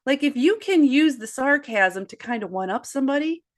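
Woman, 40s, podcast guest and author; earnest, animated storyteller. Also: high-pitched, moderate pace. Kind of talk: conversational podcast discussion.

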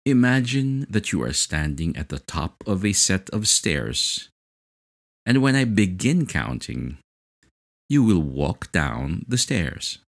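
A man with a very low voice guides a hypnosis relaxation session. He speaks slowly and soothingly, and his pitch rises and falls in a lively way. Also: creaky. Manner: slow, soothing, hypnotic delivery.

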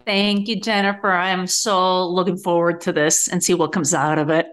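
A woman's voice: on the low side, little pitch movement, normal speed, fairly bright tone. A middle-aged woman from Spain, a guest telling her story in a casual interview. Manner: conversational, many fillers. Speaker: podcast guest, entrepreneur.

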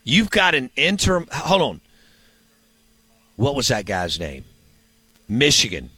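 Man, sports show host, casual talk, rambling, thinking aloud, mid pitch, dry studio sound. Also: huge pitch swings, takes it slowly, pushed and bright, husky, no echo.

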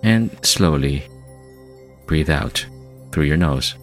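Man, very low voice, soft spa-style meditation narration, slow and hushed, long pauses, New-age music behind. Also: lively intonation. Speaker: guided meditation host.

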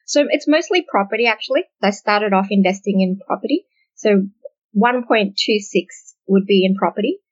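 A woman from Australia in her late twenties or thirties, chatting as an interview guest in a relaxed, hesitant way with many ums. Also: medium pitch, moderate pace. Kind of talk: casual interview chat. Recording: muffled, dull audio.

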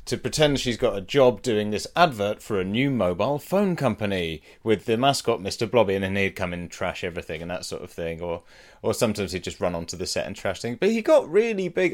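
Wry, low-voiced man hosting a podcast. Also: very animated, a little fast. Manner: wry, rambling, laughs often. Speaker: podcast host. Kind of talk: casual podcast chat.

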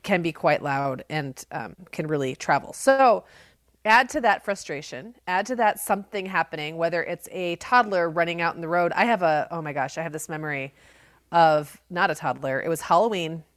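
Her voice sits on the low side and moves at a normal speed in a studio-quality recording with no room sound. A middle-aged podcast co-host, she tells stories casually and candidly, poking fun at herself with a big, projecting delivery.

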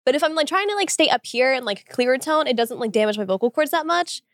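Hesitant woman with slight vocal fry. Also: high-pitched, animated, fast talker, fairly bright tone, no echo, studio quality. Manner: hesitant, lots of "like" fillers. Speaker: singer guest. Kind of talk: casual podcast chat.

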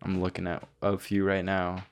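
A man's voice: deep voice, monotone, moderate pace, smooth. A man hosting a podcast in casual comedic banter, blunt, profane and mock-aggrieved, with a faint whistle from his nose. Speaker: podcast host.

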